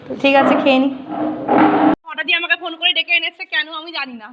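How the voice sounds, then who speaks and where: A young woman in her early twenties with a Bengali accent, chatting quickly and casually in her daily vlog. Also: high-pitched, steady tone, lo-fi sound, heavy background noise. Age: early 20s. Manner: chatty, talks fast by habit. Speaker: vlogger.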